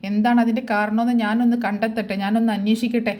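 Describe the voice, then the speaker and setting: A woman's voice: a little high, level tone, quick pace, a little mellow, close to an everyday voice. A woman voicing a bitter, angry middle-aged mother who scolds and wails her complaints. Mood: scornful.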